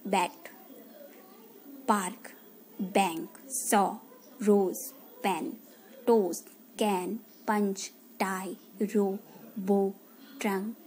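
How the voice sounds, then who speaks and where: Dark-voiced woman teaching spelling slowly. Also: medium pitch, slight background noise. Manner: spells words letter by letter, explains slowly. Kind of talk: English vocabulary lesson in Hindi.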